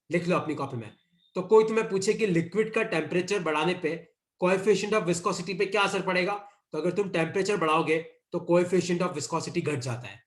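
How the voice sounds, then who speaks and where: Teaching physics online, an Indian man speaks Hindi sprinkled with English terms, again and again telling students to copy the notes. His voice is high and a bit bright, with noticeable reverb.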